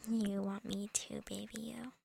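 A young woman whispers right up against the microphone in an ASMR girlfriend roleplay, her voice airy, breathy and full of gravelly fry. She teases softly, slips in small laughs, and keeps her pitch a little high but barely moving, with an unhurried pace. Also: little pitch movement, no room sound. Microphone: close microphone.

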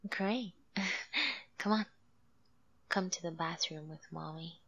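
A woman voicing a doting, coaxing mother figure in an audio roleplay. She speaks softly and drifts into whispers. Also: lowish voice, husky, full character voice. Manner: slow, soothing, coaxing with soft laughs. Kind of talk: soft-spoken audio roleplay, half whispered. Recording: dull lo-fi recording.

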